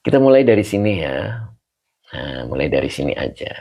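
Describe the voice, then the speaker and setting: A man's voice: rumbling low, big pitch swings, fairly quick, gravelly, warm tone, slightly rough. A man leading a casual online religious class, chatty, greeting students by name and laughing often, heard over a video call. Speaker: religious teacher.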